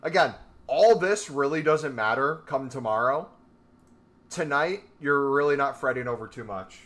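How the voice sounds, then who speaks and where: An animated young man, moderately paced with a slightly bright mid-range voice, gives relaxed live-stream commentary to his chat. The trading streamer is indoors in a small room, seated in a gaming chair.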